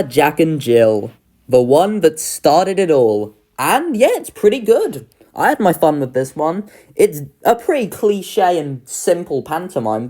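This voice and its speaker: A woman hosts a video ranking children's shows, offering casual, opinionated commentary in an informal, sardonic way. Her voice is lowish with a dark tone.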